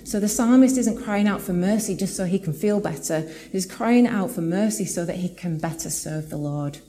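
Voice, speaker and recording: Woman, sermon, earnest and reflective, low mellow voice, faint background noise. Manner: earnest, reflective, slows for scripture. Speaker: preacher. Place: church hall with live audience.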